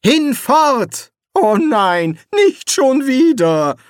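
A man's voice: high-pitched, huge pitch swings, takes it slowly, no room sound, studio quality, pitched above the performer's own voice, heavily acted. A man doing Rincewind, a flustered cowardly wizard. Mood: exasperated. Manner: hesitant, flustered, exasperated. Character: nervous, cowardly hapless male wizard. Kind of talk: audiobook character voice.

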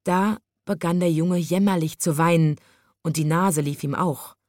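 A woman reading a children's story aloud in an expressive, lively way. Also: fairly low pitch, moderate pace, no room sound, clean studio sound.

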